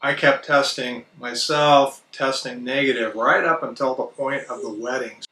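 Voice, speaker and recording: Middle-aged man, bright and even-toned. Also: medium pitch, moderate pace, distant mic, poor audio. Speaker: vlogger recounting RV life. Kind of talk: casual storytelling to camera.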